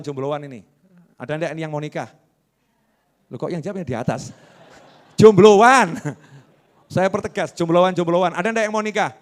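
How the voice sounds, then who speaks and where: Animated preacher. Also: male voice, on the high side. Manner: asks the audience questions and answers them himself. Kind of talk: lively sermon.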